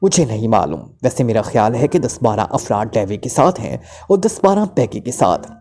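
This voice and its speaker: A man's voice: mid-range voice, big pitch swings, moderate pace, warm tone. A man voices a terrified male club owner who stammers and trembles under interrogation, then talks on and on. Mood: talkative.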